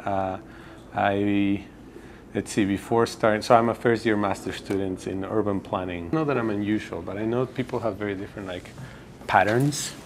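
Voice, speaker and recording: A man. His voice sits a little low, and his relaxed, rambling talk is full of fillers. A faint hiss sits under the recording. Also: normal speed. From Ecuador. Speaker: graduate student giving a campus tour. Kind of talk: casual documentary interview.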